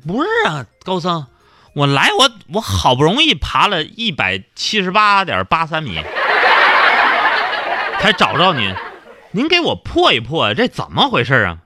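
A man voicing a hapless young man who pleads in a rushed, whiny way. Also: a little high, wildly swooping pitch, sharp tone, exaggerated voice. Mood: pleading.

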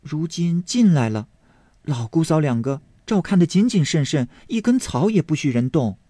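A pert young servant girl protests in a high, pleading voice that rises and falls, as a male narrator puts her on. The recording is dry and close. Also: very animated, normal speed, warm tone, no room sound. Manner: pleading, indignant.

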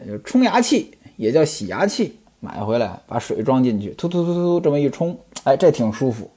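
A man talking through an old novel in a chatty, storyteller's way, his pitch a bit high and swinging widely. He tosses questions to himself and answers them, and his voice has a husky grain. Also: a little mellow. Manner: conversational, asks and answers his own questions; digresses into personal anecdotes. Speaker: explainer of a classic novel.

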